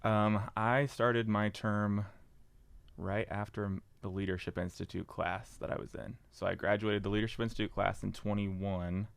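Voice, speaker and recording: A young man, a podcast guest, chatting casually with jokes and halting fillers. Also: on the low side, fairly even intonation, creaky, smooth, no room sound. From Indiana. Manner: joking, self-deprecating, halting with fillers. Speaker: podcast guest, market board member. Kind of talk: casual interview chat.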